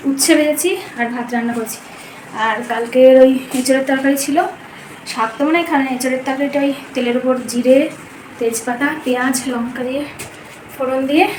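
A young woman, chatting casually about her chores at home for her daily vlog. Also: high-pitched. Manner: chatty, rambling commentary on chores. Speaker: vlogger. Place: home in a village. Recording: noisy background.

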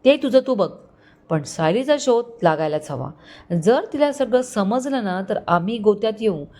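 A woman voicing a scheming middle-aged uncle who stays calm and calculating in a spoken story. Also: fairly high pitch, moderate pace, close to an everyday voice. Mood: impatient. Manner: calm, controlling.

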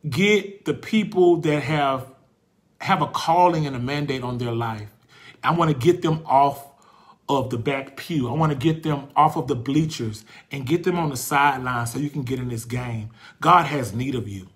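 A man in his forties hosts a faith talk, preaching passionately with a fairly high-pitched voice. He repeats phrases for emphasis, and when he turns reflective he pauses to search for words.

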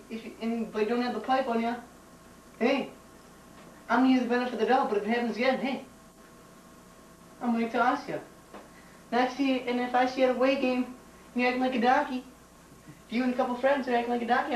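A young man doing a teacher impression of a blustering high school athletic director, blunt, emphatic and repetitive, in an amateur comedy skit. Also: recorded from a distance. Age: young adult. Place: home kitchen. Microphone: camcorder a few feet away. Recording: noisy, roomy home camcorder audio.

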